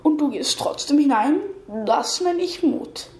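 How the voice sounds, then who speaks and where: A woman's voice: high-pitched, lively intonation, a little slow, a little mellow, voice pushed up. A woman voicing a solemn male ghost who guards a tunnel, in an echoey room.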